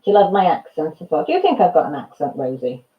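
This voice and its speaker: Low-voiced and fast, with big swings in pitch, a Welsh woman in her fifties hosts a channel, chatting casually with viewers, addressing them by name and laughing as she tells stories. The recording is muffled.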